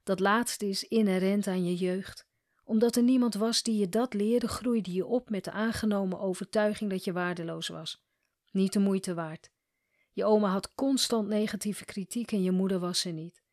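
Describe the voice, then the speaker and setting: A woman coach reads a scripted story in a calm, measured manner. Her pitch sits at an ordinary middle height for a woman. The recording is dry and close, with little room sound. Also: no room sound. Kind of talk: scripted narration.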